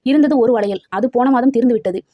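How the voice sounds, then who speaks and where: A man's voice: very high-pitched, fast talker, no echo, dull audio. A woman voicing a poor, feverish male cart driver giving an anguished, earnest account.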